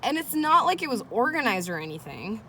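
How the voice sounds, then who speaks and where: Reading a children's chapter book aloud, this woman teacher speaks fairly quickly in a slightly high, sing-song voice that sounds bright and forceful. She tosses in casual, encouraging comments and questions to her listeners while children play noisily in the background.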